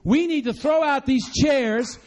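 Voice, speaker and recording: A man with a strikingly high voice preaches a sermon, shifting between talking to his congregation and acting out a story. He speaks in an animated, chatty way, tossing in quick asides and correcting himself as he goes. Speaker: pastor. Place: church room with congregation.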